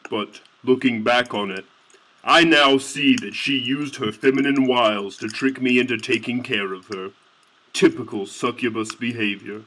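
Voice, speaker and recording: A man's voice: medium pitch, a bit bright, low-quality recording. A man narrating a satirical fantasy story in a mock-earnest tone with indignant outbursts.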